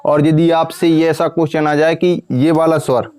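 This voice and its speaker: A man's voice: on the high side, fairly even intonation, a little mellow, clear, resonant tone. Male teacher quizzing his class. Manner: asks the class questions and answers them himself; repeats points slowly and sounds out vowels. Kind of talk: grammar lesson.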